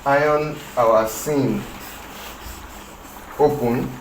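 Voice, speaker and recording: A tailoring instructor with a Nigerian English accent and a Yoruba lilt gives a slow, hesitant demonstration, pausing and restarting as he works on the floor of a room with a patterned rug. His voice sits at an ordinary mid pitch. The room echoes, with faint ambient noise behind him.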